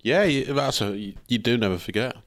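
A young man from England co-hosting a casual chat, cracking crude jokes with deadpan asides. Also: medium pitch, fairly quick. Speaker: podcast co-host.

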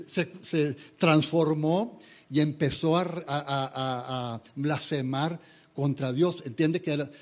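A man preaches in a fairly high voice, earnest and conversational. He stumbles and restarts often. It sounds like a talk given to a congregation. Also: a little mellow. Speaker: pastor. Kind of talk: sermon.

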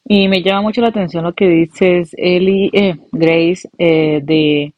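A woman's voice: lowish voice, fairly even intonation, unhurried, a little mellow, dry recording, dull audio. A woman co-host giving listeners direct, assertive advice.

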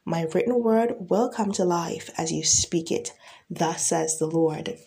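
Woman minister, warm mellow tone, slow deliberate prayer, prophetic declarations. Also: lowish voice, gravelly. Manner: slow, deliberate declaring, with frequent scripture quotes.

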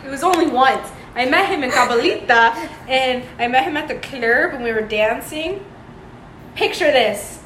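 High-voiced giggly young woman. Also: animated, moderate pace, few pauses, fairly bright tone. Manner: giggly, storytelling, lots of "like". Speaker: podcast co-host. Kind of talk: casual chat. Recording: echoey room with noise.

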